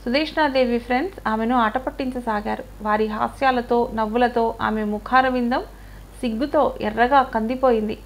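A woman narrating an audio short story in a calm, even storytelling manner. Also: fairly high pitch, moderate pace.

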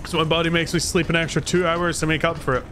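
Over music, a man from Scotland chats quickly to viewers as he streams a video game, his fairly high voice held at a level tone. He rambles casually and makes fun of himself. The recording carries noticeable background noise.

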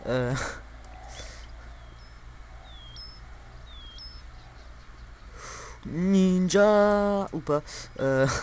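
Recording at home on a desktop mic, a young gameplay commentator jokes crudely, giggles and leans on fillers throughout his let's-play. His voice is fairly high and a little mellow, with slight background noise.

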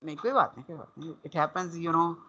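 A man with a Pakistani accent races through an online university lecture, his slightly high voice pushed and bright, repeating and rephrasing while mixing English and Urdu. The computer-connection audio is dull and compressed, with slight background noise.

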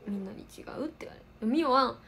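A fast talker with lively intonation, this woman has a high, slightly bright voice, accompanied by a little hiss or hum. She's an Osaka-born idol livestream host in her twenties with a light Kansai accent, casually chatting as she answers viewers' comments.

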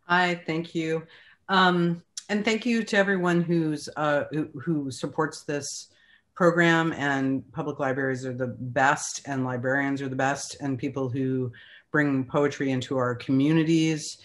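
A woman poet reads her own poems in a slow, unhurried cadence. Between poems she talks in a halting, self-deprecating way. She reads to an online audience over a video call. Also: sits low, fairly even intonation. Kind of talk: poetry reading with chatty asides.

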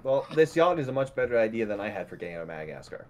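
A man's voice: lowish voice, big pitch swings, rapid-fire, darkish tone. Man joking around as a game player. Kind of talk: casual, joking game chat.

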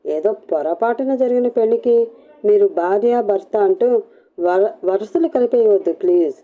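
A woman's voice: medium pitch, unhurried, dark tone, lightly acted. A woman voicing a scared young woman begging and pleading in a storybook reading. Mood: tearful. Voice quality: pleading, tearful. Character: frightened young woman, begging, fleeing a captor.

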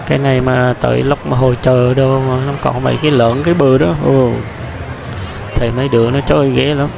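A man's voice: medium pitch, fairly even intonation, brisk, gravelly, background noise. A man giving casual walking-tour commentary through a large indoor amusement park, chatty, talking straight to his viewers with many fillers and restarts.

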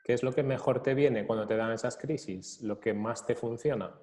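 A man working as a psychologist, who interviews a client calmly and keeps checking his points with short questions. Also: medium pitch, moderate pace, long reverb tail. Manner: calm, explaining, checks in with questions. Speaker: psychologist host. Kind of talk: therapeutic interview.

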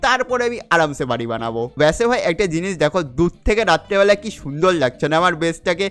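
Fast, high-voiced young man gaming. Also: a bit bright, clear, resonant tone. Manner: chatty, keeps calling the viewer "brother", mixes in English words. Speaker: gaming channel host. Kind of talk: casual gameplay commentary.

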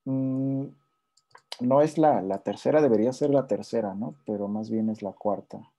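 A man gives a relaxed music theory lesson, explaining things step by step and often checking in with his listeners. Between phrases he plays intervals on guitar as examples, speaking at medium pitch and a moderate pace.

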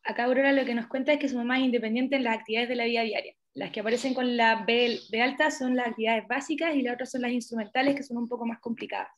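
A young woman talks quickly in a fairly high voice. She relays what people wrote in the chat and briefly explains what the terms mean. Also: steady tone, highs cut off.

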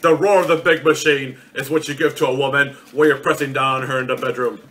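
A man's voice: mid-range voice, fairly even intonation, fast, pushed and bright. A man hosting a comic call-in show in a bossy, theatrical announcer manner. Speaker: host.

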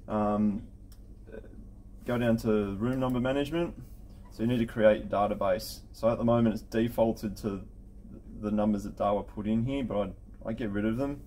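Male tech instructor, middle-aged, dark relaxed tone, casual and practical step-by-step delivery, light background noise. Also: lowish voice, moderate pace. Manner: informal, matter-of-fact instructional talk. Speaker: intercom installer giving a software setup tutorial. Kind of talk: casual step-by-step screen tutorial. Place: indoor office at a desk with computer.

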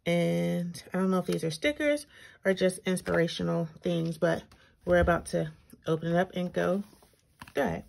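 A woman's voice: on the low side, moderate pace, creaky, a little mellow. A woman with braces slightly impeding her speech gives a casual, chatty walkthrough, thinking aloud and reading items out. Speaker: planner reviewer, video host. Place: indoors at a tabletop, hands-only overhead shot. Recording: noticeable background noise with clicks.

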